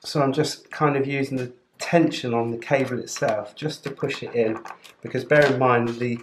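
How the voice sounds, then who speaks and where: Speaking at normal speed in a steady, mid-range voice, the presenter of a motorcycle gear channel walks through a hands-on tutorial step by step in a casual, chatty way. Clicks and clear background noise come through the roomy indoor sound.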